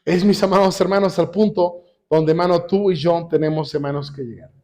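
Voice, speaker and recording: A man preaching a sermon in church, repeatedly asking the congregation questions and reading scripture slowly. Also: on the high side, steady tone, a little mellow. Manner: addresses congregation constantly with rhetorical questions; reads scripture slowly and deliberately. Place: church service.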